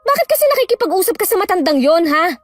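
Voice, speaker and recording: Casting: actress as a high, lively-voiced nagging wife, sharp and defensive, dry sound. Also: female voice, quick pace, no echo, soft background music. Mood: bickering. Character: gossipy, resentful wife, quick to argue.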